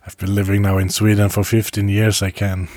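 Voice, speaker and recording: A man speaking in a casual first-person travel diary, halting, with frequent pauses and restarts and soft chuckles between phrases. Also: lowish voice, monotone, no echo. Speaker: traveler recording a video diary.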